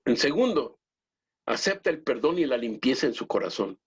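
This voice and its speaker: A man who is a lay pastor, teaching his congregation in an earnest, halting way with many restarts and direct appeals to the brethren. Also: mid-range voice, big pitch swings, husky. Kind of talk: church teaching talk. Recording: dull lo-fi recording.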